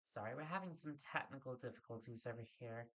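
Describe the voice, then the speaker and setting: Casual, self-deprecating livestreamer, medium-pitched. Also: brisk. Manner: self-deprecating, muttering to self through setup.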